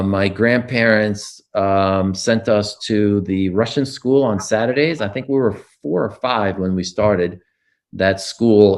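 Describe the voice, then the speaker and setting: An older American man recounts his childhood in an oral history interview, with frequent fillers and restarts. His voice is on the low side with a darkish tone.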